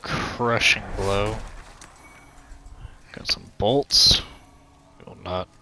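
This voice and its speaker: Speaking very slowly with a sharp tone, a gaming channel host with a somewhat nasal, lowish voice jokes casually through a game walkthrough. His headset mic pops and cracks, with a little hiss or hum underneath.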